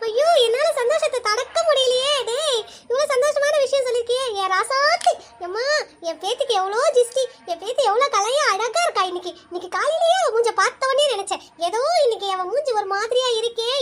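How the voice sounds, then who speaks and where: A performer voicing an excitable old grandmother in a cartoon, scolding and rambling in a fluster. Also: very high voice, quick pace, noisy background. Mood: overjoyed. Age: over 60. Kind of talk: cartoon voice acting.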